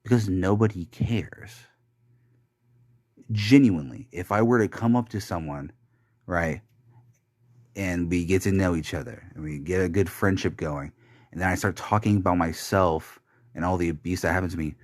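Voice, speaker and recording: Alone at the mic, a young podcaster with a low, deep voice works through a bitter, rambling confessional monologue. He swears often and halts through restarts and fillers, and the recording is dry and close, with no room sound.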